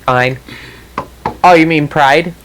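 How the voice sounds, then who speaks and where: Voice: mid-range voice, takes it slowly, background noise. A player chatting casually with friends during a game. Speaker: player in a group gaming video. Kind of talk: casual gaming chat.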